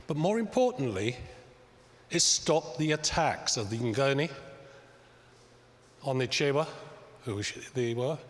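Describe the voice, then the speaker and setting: A man's voice: mid-range voice, sing-song, a little slow, pauses often. A man in the audience reflectively recounting his experiences, asking a question after a church lecture. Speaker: audience member. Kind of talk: question from the floor. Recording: reverberant church, faint background noise.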